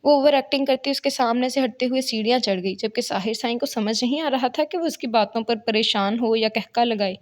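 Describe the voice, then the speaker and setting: Female novel narrator, expressive read, slightly high pitch. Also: hardly any pauses.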